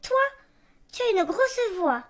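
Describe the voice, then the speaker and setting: A woman voicing a chorus of young goat kids, high and shrill in a storybook reading. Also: sing-song, slow, exaggerated voice. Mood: defiant. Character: seven frightened little goats, young and wary.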